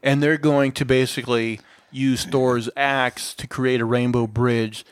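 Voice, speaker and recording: A man talks through a film's plot on a podcast in a loose, casual way, circling back with fillers and restarts as he goes. His voice sits at an ordinary middle pitch. The sound is dry, with almost no room echo. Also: fairly even intonation, measured pace, clear, resonant tone. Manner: rambling, many fillers and restarts. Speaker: podcast co-host. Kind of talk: casual film review chat.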